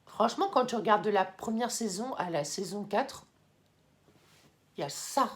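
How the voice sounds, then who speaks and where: A young woman in casual vlog talk, chatty with many fillers and excited bursts, now and then moving off the mic. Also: medium pitch, moderate pace. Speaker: YouTuber ranking anime. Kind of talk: casual vlog tier list.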